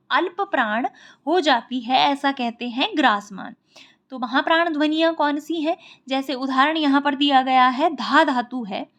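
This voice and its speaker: A woman's voice: sits high, a bit bright. A woman teaching an exam-prep lecture, explaining step by step and repeating the key points. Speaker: Sanskrit teacher.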